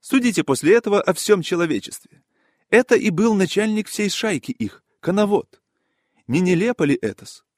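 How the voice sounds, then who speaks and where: A man voicing a fussy, high-pitched gossip. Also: normal speed, no room sound, studio quality. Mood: excited gossip. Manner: excited, ingratiating, old-fashioned politeness. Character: fussy, gossipy middle-aged man, eager talker. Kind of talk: audiobook character voice.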